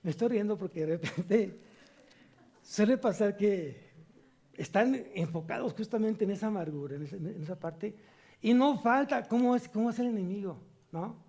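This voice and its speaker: A man preaching a sermon at a church service, reading scripture slowly and putting questions to the congregation. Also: sits high, dark tone. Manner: slow emphatic reading of scripture. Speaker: pastor.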